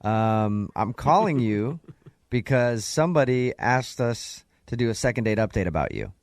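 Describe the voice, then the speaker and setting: A man's voice: mid-range voice, sing-song, a little slow, no room sound. A man in the middle range hosts a morning radio show and teases a caller with wry humor. His voice is close to a studio mic, with a dry, tight sound. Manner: teasing, wry. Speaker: radio host. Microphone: studio microphone.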